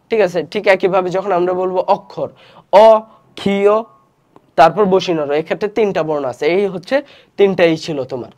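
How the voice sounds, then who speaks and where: A young man teaching an online history class, walking through slides and posing questions he then answers himself. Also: sits high. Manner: explains slides step by step, asks and answers own questions; many fillers and restarts.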